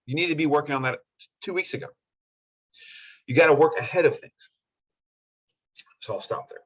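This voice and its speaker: A man's voice: mid-range voice, a bit bright, breathy edge, poor audio. A middle-aged man lecturing a university class in an earnest, repetitive way. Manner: earnest, repetitive, acts out students in quotes.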